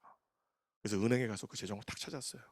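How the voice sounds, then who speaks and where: Male pastor, 30s, fast, gravelly, animated storytelling sermon. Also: on the high side, no room sound, clean studio sound. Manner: animated, emotional storytelling with acted quotes.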